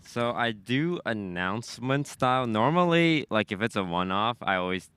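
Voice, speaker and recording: A male streamer telling stories in casual chat, animated and easygoing. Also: mid-range voice, moderate pace, smooth, no room sound.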